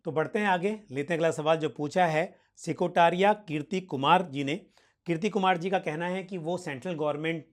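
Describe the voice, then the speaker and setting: A man hosting a financial question-and-answer session, explaining formally and politely, with English financial terms mixed in. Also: on the high side. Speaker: host answering viewer questions.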